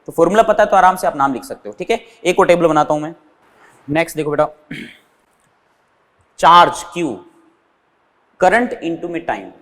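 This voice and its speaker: A man's voice: on the high side, in a large hall. A male physics teacher explains units step by step, asking his students questions and answering them himself. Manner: calls his students "beta". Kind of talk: whiteboard physics lesson.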